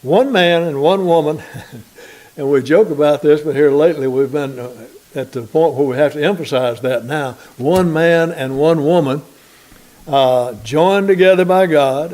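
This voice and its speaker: An American man preaching from the pulpit, his voice a touch high but warm and mellow. He reads scripture aloud and slows down to drive home his points in a measured sermon. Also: rough recording.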